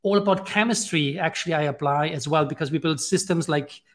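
A man in his forties from Austria with an Austrian German accent, telling his career story on an online panel over a video call, steady and friendly with frequent ums. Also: on the high side, a little fast. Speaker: robotics professor, panelist. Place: home room with bookshelves. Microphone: video call with earphones.

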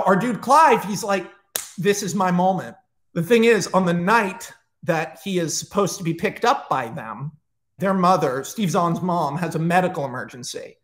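A man retelling a story in a casual, excitable way, swearing often and saying "like" a lot. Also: high voice. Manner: excitable, profane, full of "like". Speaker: host retelling a film pitch.

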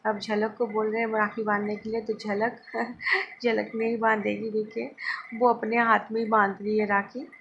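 Gravelly-voiced woman narrating a vlog. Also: medium pitch, flat delivery, moderate pace, lo-fi sound, slight background noise. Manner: chatty, keeps telling viewers to look. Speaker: vlogger. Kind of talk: casual vlog narration to viewers.

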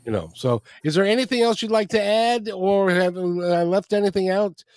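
Chatty and jokey, this middle-aged talk radio host repeats phrases as he handles an interview and the show's outro. His voice sits high and moves at a moderate pace. He's on a studio microphone with headphones, in a dry close-mic recording with no room sound and faint music.

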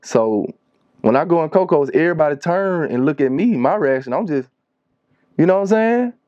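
Speaking with a Louisiana Southern accent, a thirtysomething music producer from Shreveport, United States, tells stories as an interview guest in relaxed, slangy conversation. His voice is on the high side with lively intonation at a normal pace. The small wood-panelled studio gives no echo, and the sound is lo-fi.

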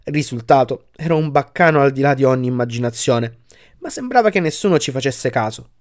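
A man reading an audiobook aloud, narrating in a measured, soft-spoken storytelling manner. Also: medium pitch, expressive.

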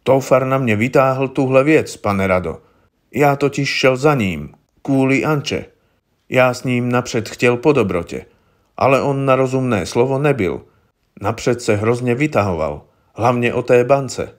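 A man reading aloud, voicing a frightened small-time safecracker who talks plaintively in rough slang. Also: medium pitch, expressive, close to an everyday voice.

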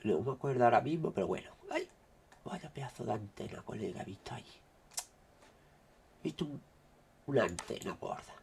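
Man, Spain Spanish accent, gravelly dark voice, dry throat, excitable casual commentary, faint background noise. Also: medium pitch, a little fast, pauses often. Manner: excitable, exclaiming, keeps saying "look". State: throat dry after a cold. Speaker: vlogger. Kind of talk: casual commentary on screen recording.

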